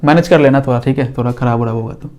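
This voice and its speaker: A man's voice: mid-range voice, very fast, darkish tone. A man teaching a physics lesson in a casual, patient way, drawing on a board as he talks and often checking that the class follows.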